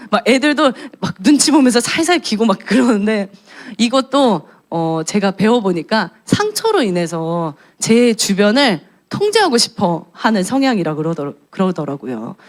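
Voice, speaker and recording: A woman's voice: mid-range voice, big pitch swings, moderate pace. A woman in her thirties, a junior pastor, giving a conversational sermon in a candid, storytelling tone.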